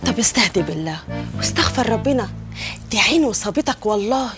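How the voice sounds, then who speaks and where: A woman's voice: mid-range voice, expressive, quick pace, natural voice. An actress playing a caring woman who soothes and coaxes a distraught man, speaking with an Egyptian accent. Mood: soothing. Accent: Egyptian Arabic. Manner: soothing, coaxing. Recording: film soundtrack with music underneath.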